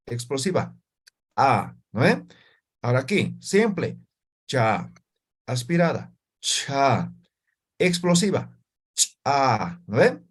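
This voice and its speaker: A man's voice: fairly high pitch, breathy edge. A man teaching an online language class, calling out single syllables for students to repeat back. He checks in with short tag questions after most sentences.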